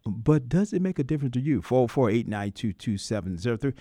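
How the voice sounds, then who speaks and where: A man's voice: medium pitch, big pitch swings, a little fast, mellow, dry recording, studio quality. A man hosting a call-in radio talk show, folksy and preacherly, voice rising and dropping in emphatic bursts. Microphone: studio microphone.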